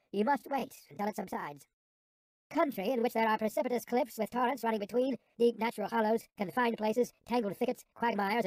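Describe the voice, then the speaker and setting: A narrator with a sped-up, helium-like chipmunk voice reading an audiobook in a measured, formal way with falling phrase endings. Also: medium pitch, a little mellow, rough recording.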